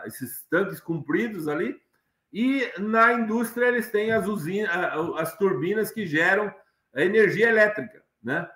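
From a home study lined with books, a middle-aged guest lecturer rambles through an online talk full of fillers and restarts. His voice sits high with a fairly bright tone, and the video-call webcam picks up an echoey room.

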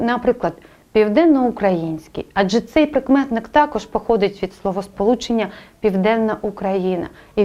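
A woman teaching a spelling lesson, explaining rules clearly and speaking directly to the student. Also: medium pitch, dark tone, muffled recording.

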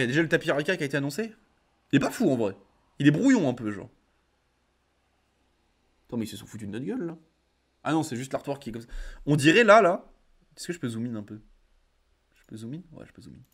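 A young man reading card effects aloud and reacting in relaxed slangy chat as a card game content creator. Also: mid-range voice, brisk, pauses often, husky. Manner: reads card text then comments casually with slang. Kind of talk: casual card review reading.

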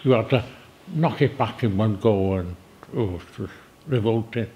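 A man's voice: on the low side, moderate pace, highs cut off, slight background noise. An older man recounting past events vividly in an interview. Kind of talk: storytelling interview.

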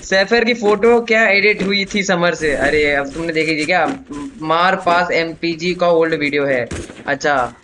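A man's voice: fairly high pitch, unhurried, a little hiss or hum. A young man livestreaming a shooter game, chatting and joking with teammates, switching between casual talk and English slang. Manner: joking, teasing banter with teammates, mixing in English phrases. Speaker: livestreaming gamer. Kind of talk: casual live gameplay commentary. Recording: game gunfire loud under voice. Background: game gunshots and machine-gun fire.

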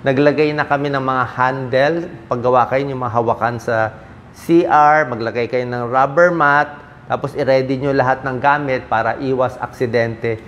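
A middle-aged man from the Philippines talks as a doctor giving health advice, his voice pitched right in the middle for a man. He keeps it casual and conversational. He sprinkles English medical terms into the talk and checks in with quick tag questions. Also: fairly even intonation, fairly bright tone, muffled recording, slight background noise.

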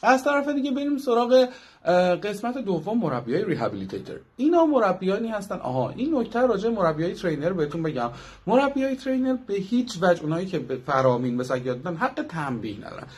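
A man's voice: sits high, very animated, darkish tone, breathy edge. A young man working as a dog trainer, giving a chatty instructional talk that runs through examples in long lists.

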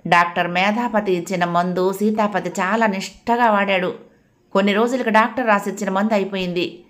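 A woman from Andhra Pradesh narrating a humorous story in an expressive, homely way. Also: medium pitch, normal speed.

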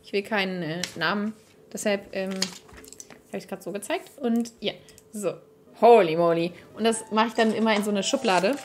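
A woman's voice: medium pitch, normal speed, soft background music. A young woman streamer chatting casually on a livestream at a desk microphone, overwhelmed and giddy, laughing and squealing often. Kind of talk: excited livestream unboxing chat.

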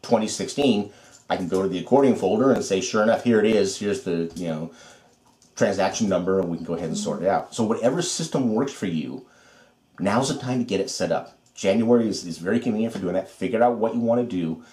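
A man's voice: low voice, expressive, fast talker, warm tone, reverberant. A man co-hosting a podcast, giving folksy, repetitive advice in casual chat. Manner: folksy, advice-giving, repeats himself with restarts. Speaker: podcast co-host.

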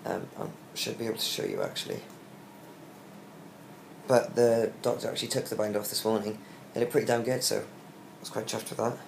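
Exhausted after surgery, a young British vlogger lies in a small hospital bed and records a casual recovery update. His low, creaky voice stays fairly even in intonation, coming out halting and subdued on short breaths, with roomy echo and faint background hiss around him.

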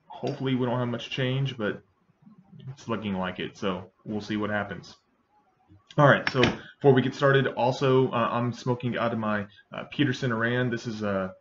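A man in his thirties giving a casual, halting review to camera. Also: fairly low pitch. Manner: halting, hesitant delivery. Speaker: pipe tobacco reviewer. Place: small indoor room with bookshelves. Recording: dull webcam sound with faint noise.

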